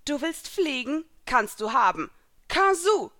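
A woman voicing a stern, confident young woman warrior who taunts and commands in a raised, higher voice. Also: expressive, moderate pace, a bit bright, natural voice. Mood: fierce, taunting.

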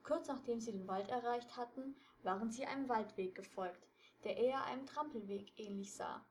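Woman reading a detective story out loud, steady, voice a little high, faint hiss behind. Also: moderate pace. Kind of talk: reading a fan story aloud.

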